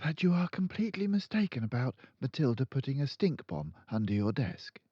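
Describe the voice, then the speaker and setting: A man's voice: mid-range voice, sing-song, brisk, slightly rough, no echo, highs cut off, voice pushed up. A man voicing an anxious but resolute young woman schoolteacher, polite and pleading, in a children's storybook reading. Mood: earnest. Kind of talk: children's audiobook character voice.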